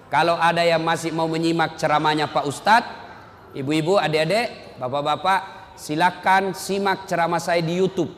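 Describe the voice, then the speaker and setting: Male preacher, high voice, humorous sermon, big reverberant hall. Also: a little hiss or hum. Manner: lively, shifting loud and soft, acts out quotes.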